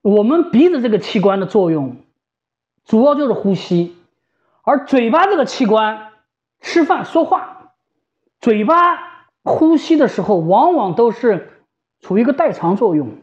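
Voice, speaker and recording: A woman's voice: fairly high pitch, very animated, unhurried, a little mellow. A woman giving an informal, conversational explanation as a specialist, repeating phrases for emphasis. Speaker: home ventilator specialist and shop staff. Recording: slightly dull, lo-fi sound.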